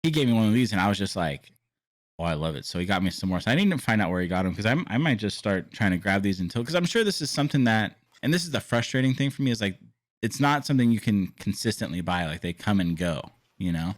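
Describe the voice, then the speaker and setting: A man co-hosting a casual podcast, animated, laughing often and restarting his sentences. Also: fairly low pitch, fast. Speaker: podcast co-host. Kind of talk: casual chat.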